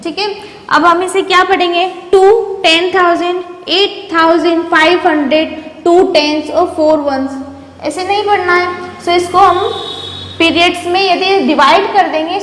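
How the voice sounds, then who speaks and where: High-voiced woman teaching in an echoey room. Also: a bit bright. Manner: asks questions and answers them herself, repeats key terms. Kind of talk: classroom maths lesson. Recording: echoey room with long reverb.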